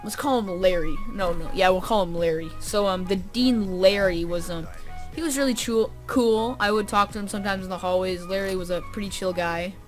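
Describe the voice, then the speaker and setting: A young woman tells a story to her viewers in a loose, rambling way, dropping "um" and "like" into every other phrase. Her voice sits at an ordinary middle pitch. Her sarcasm comes out flat and dry, and faint music hums underneath. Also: a little fast, hardly any pauses. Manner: rambling, full of "um" and "like" fillers. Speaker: vlogger. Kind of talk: casual storytelling to camera.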